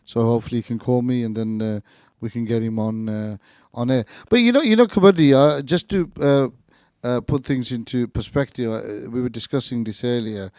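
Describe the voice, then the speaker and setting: A man's voice: mid-range voice, normal speed, darkish tone, smooth, no echo, studio quality. A man co-hosting a live radio show in casual chat, hesitant and often repeating his words and phrases. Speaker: radio co-host.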